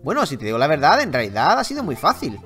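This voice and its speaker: A man with a Spain Spanish accent reading aloud the lines of a male elevator technician in a game, low and quiet. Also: wildly swooping pitch, fast, faint music behind. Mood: plain.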